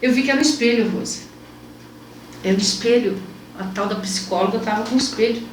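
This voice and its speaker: Woman host, higher voice, animated storyteller, echoey room and distant mic. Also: brisk, noisy background. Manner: animated, repeats herself, pitch jumps when moved. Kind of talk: emotional personal storytelling in an interview.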